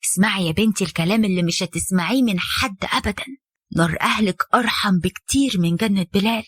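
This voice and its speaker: Woman playing a stern Egyptian mother-in-law, lowered voice, firm lecturing tone, dry close sound. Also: fast, fairly bright tone, husky, no echo. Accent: Egyptian Arabic. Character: stern, weary middle-aged mother-in-law.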